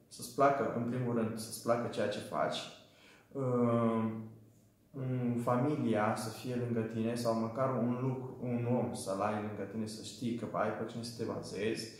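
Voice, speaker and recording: A man's voice: mid-range voice, a little mellow. A man in his twenties from Romania, telling his story as a small business owner in an earnest, hesitant way with frequent fillers. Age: 20s. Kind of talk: testimonial for a training video. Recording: very echoey room.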